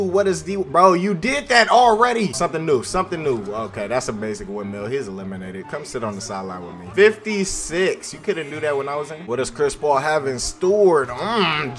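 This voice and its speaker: A young man, giving playful, trash-talking commentary over a basketball video game and breaking into sudden loud outbursts. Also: a little high. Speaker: gaming YouTuber. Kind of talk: excited gameplay commentary. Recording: faint game music behind.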